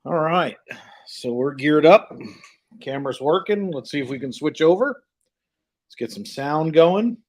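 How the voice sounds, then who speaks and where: This man hosts a live hockey stream, calling the play and greeting viewers in a loose, scattered, informal manner. His voice is a bit high and somewhat slow, with lively intonation.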